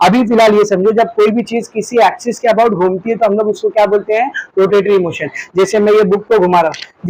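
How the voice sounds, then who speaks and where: A male physics teacher with an Indian accent lectures a class, demonstrating with objects, posing questions he answers himself, and calling students "beta." His voice is high-pitched with a darkish tone, in a dry, low-quality recording.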